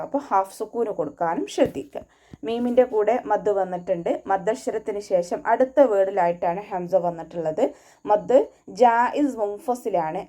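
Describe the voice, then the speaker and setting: A woman teaching Quran recitation, going slowly line by line and explaining where to place the lips and tongue for each sound. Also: mid-range voice, warm tone. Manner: patient and methodical, gives mouth and tongue placement cues. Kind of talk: tajweed lesson, slow line-by-line instruction.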